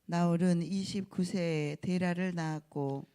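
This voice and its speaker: Congregant reading scripture aloud in turn, mellow smooth voice, steady delivery. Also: mid-range voice, a little slow.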